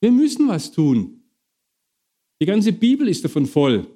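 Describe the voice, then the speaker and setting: A middle-aged man preaching a sermon to his congregation, lively, questioning and bantering with the listeners. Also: sits high, unhurried.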